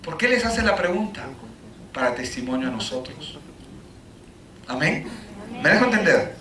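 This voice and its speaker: A man preaching a sermon, full of rhetorical questions, rising to shouts and then dropping low. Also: sing-song, normal speed, a crowd in the background. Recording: echoey room, voice from a distance.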